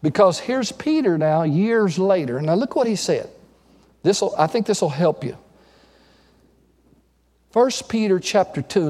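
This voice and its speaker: A man with a high voice preaches to his congregation, calling for answers and rising into fervent emphasis before dropping back to quiet teaching. His voice rings out with a long reverb in a church hall. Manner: preachy call-and-response, rising and falling with emphasis. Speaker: pastor. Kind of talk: sermon.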